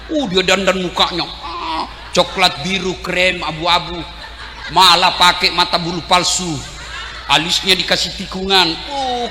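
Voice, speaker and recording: A male preacher giving a humorous, animated sermon to a crowd, shouting and joking. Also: high-pitched, background noise. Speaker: Islamic preacher. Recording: echoey hall, faint ambience.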